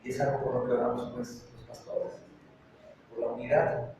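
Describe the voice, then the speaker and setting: A man's voice: medium pitch, flat delivery, normal speed. Far-off echoing preaching man. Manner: fervent preaching, rising to urgent repeated exhortations. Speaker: pastor. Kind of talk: sermon. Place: church sanctuary. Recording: very echoey church, voice from a distance, faint noise.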